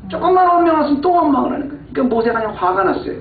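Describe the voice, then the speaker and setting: A man preaches a sermon with a high voice, dipping to hushed asides and surging into heated, exasperated emphasis. The sound is thin and phone-like, with a roomy church echo and faint background noise. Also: sing-song, racing. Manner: acts out quoted complaints in an exasperated voice. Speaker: pastor. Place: church sanctuary. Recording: echoey, far-off, phone-thin church recording.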